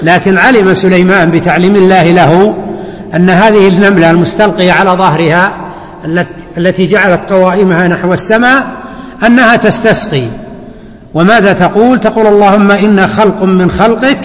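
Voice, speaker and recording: A man teaching a hadith lesson as a scholar, deliberate and repeating key words for his students. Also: sits high, steady tone. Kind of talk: classroom commentary lecture. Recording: long hall reverb.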